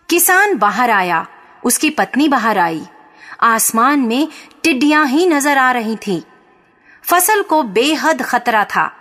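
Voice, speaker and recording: A woman reads a storybook tale in a slow, unhurried way. Her voice sits somewhat high, and her delivery stays calm and measured. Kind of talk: scripted storybook narration.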